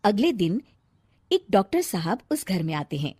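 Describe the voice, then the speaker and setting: A woman giving scripted storybook narration for a cartoon, in a brisk storytelling manner. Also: mid-range voice, very animated, warm tone, slightly rough, dry recording.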